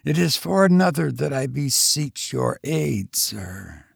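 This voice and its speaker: Man reading a mourning woman, low deep voice, desperate pleading, slow words, gravelly edge, storybook. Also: very animated, no echo, studio quality, exaggerated voice. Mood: anguished. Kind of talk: audiobook character voice.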